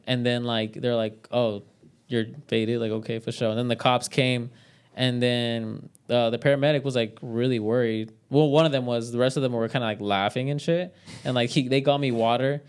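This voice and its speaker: Young guy, podcast storyteller, loose and profane, clear smooth tone. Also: mid-range voice, steady tone, normal speed. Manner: rambling, swears a lot, many "like" fillers. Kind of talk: casual storytelling chat.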